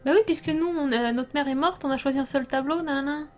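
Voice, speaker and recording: A young woman streaming a game, chatting casually with her viewers, laughing often and sometimes breaking into loud startled outbursts. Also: high voice, fast, faint music behind. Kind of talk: casual let's play commentary.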